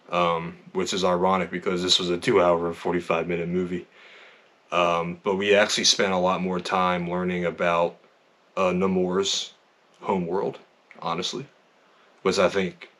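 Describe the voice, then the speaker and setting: A man talking through a movie review in a casual, conversational way, with frequent fillers and lively bursts. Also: deep voice. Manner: conversational, lots of fillers, animated.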